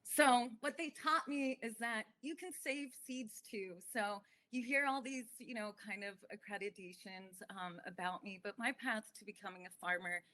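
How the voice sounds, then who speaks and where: A woman's voice: mid-range voice, moderate pace, few pauses, pushed and bright. A woman farmer giving a conversational online talk, earnest, with frequent ums. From United States and Ethiopia. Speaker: farmer and speaker. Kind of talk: online summit talk with slides.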